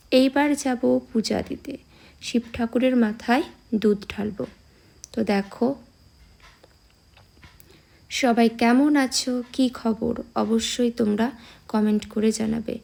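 A young woman chatting casually to her viewers in a vlog, her voice a little hoarse from a cold, speaking outdoors on a phone camera. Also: a little high, darkish tone. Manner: chatty, addresses viewers directly. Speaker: vlogger. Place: temple grounds outdoors.

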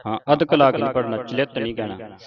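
A man teaching scripture recitation line by line, chanting verses in a drawn-out, measured way and stopping to correct pronunciation. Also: medium pitch, dull audio, a crowd in the background.

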